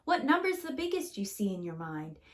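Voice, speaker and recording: A preschool teacher reads aloud from a children's picture book, briskly and in a mid-range voice. She makes it sing-song, theatrical and full of expression.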